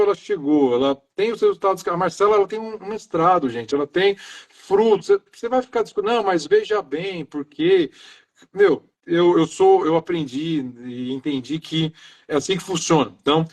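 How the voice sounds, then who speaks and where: Earnest middle-aged Brazilian man. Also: on the high side. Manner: earnest, talks in loose chains of "então" and "né". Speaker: guest, maintenance engineer. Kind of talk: casual interview on a live stream.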